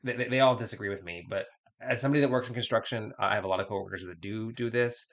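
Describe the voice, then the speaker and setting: Low-voiced man giving blunt casual advice. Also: quick pace, gravelly, a bit bright. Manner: candid, blunt, repeats words when restarting. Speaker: podcast host.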